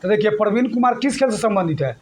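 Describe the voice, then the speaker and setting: A man's voice: sits high, lively intonation, fast talker, darkish tone, husky. A male teacher leading a classroom exam-prep lesson, quizzing students with call-and-response questions and repeating mnemonics. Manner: repetitive mnemonic chanting.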